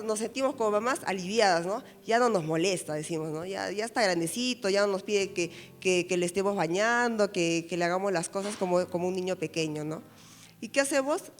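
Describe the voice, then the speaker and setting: Woman pastor preaching in a reverberant hall. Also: mid-range voice. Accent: Peruvian Spanish. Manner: explanatory, asks "¿no?" after many phrases; acts out parents' words to children. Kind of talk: sermon on parenting. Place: church.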